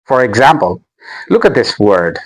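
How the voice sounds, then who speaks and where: A man's voice: mid-range voice, sing-song, moderate pace, rough recording. A man teaching English word stress in a pronunciation lesson, saying each word again and again with the stressed syllable made prominent. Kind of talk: slow, deliberate pronunciation lesson.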